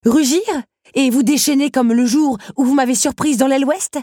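A woman's voice: lively intonation, normal speed, warm tone, slightly rough, no room sound, clean studio sound. A woman voicing Belle, a stubborn, fiery young woman, in an audiobook reading. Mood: indignant. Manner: pleading and indignant, raised pitch.

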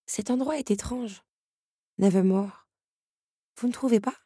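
A woman's voice: medium pitch, a little slow, warm tone, slightly rough, no room sound, studio quality, pitched above the performer's own voice. A woman voicing a thoughtful young woman heroine who speaks in an earnest, wistful way. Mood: uneasy.

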